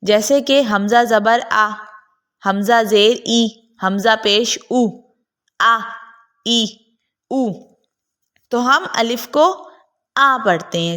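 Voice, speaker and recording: A woman giving a Quran pronunciation lesson, explaining patiently and repeating sounds slowly to demonstrate them. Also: on the high side, a bit bright. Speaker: Quran tajweed teacher.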